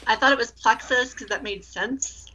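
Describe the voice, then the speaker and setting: A woman's voice: fairly high pitch, moderate pace, bright, forceful tone, a little hiss or hum, rough recording. A woman chatting casually as a podcast co-host in a playful, chatty way. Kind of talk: casual chat.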